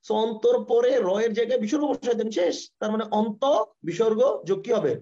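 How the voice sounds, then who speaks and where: Fast-talking Bangladeshi teacher, lo-fi audio. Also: male voice, sits high, mellow. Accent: Bangladeshi Bengali. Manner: fast, repetitive, keeps asking if the concept is clear. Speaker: online grammar teacher. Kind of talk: live online lesson with screen share. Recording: dull, lo-fi online class audio.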